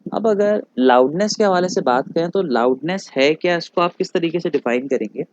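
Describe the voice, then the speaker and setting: A man's voice: on the high side, animated. Man lecturing with self-answered questions. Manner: asks rhetorical questions and answers them himself; calls students "beta", slows on English terms. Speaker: physics teacher. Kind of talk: recorded classroom lecture. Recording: dull lo-fi, dry recording.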